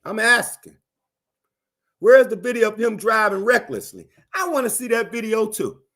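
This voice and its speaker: On a livestream, a high-pitched male commentator gives his viewers animated, emphatic commentary at a moderate pace. He keeps insisting, returning to the same phrases to hammer each point home, and his energy never drops.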